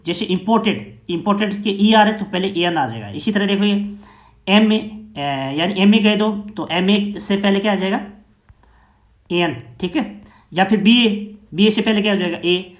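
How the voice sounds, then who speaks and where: A man's voice: high voice, echoey room. A man explaining English grammar to learners in Hindi, patient and repetitive, often asking rhetorical questions and checking that his listeners follow.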